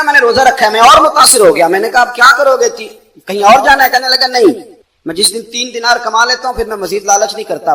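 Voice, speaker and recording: A man's voice: high voice, sharp tone, poor audio. A male preacher telling stories in a sermon, narrating anecdotes and rising to fervent emphasis. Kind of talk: storytelling sermon.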